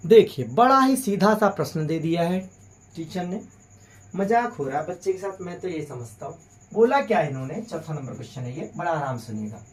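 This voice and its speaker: A man's voice: on the high side, sing-song, normal speed, reverberant, recorded from a distance. A man teaching a physics lesson, solving problems step by step on the board and talking in a teasing, chatty way to his pupils. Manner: joking, teasing, chatty, addresses pupils as "beta".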